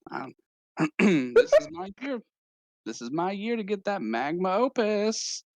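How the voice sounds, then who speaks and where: A man's voice: sits high, wildly swooping pitch, unhurried, no room sound, voice pushed up, heavily acted. A man voicing a bubbly young female bard student who talks like a valley girl. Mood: sassy.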